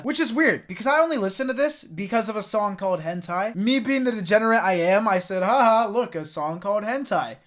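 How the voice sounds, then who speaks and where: A man's voice: high-pitched, a bit bright. An American man giving a casual, jokey rundown of his favourite albums, swearing freely and stumbling over his words now and then. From United States. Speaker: music reviewer. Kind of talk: casual album-ranking commentary.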